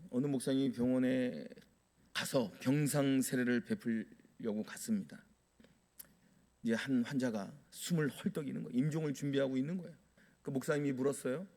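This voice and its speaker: A man's voice: on the high side, a little mellow. A male pastor preaching a sermon, asking the congregation rhetorical questions and dramatically acting out prayers. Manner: dramatic, acts out quoted prayers.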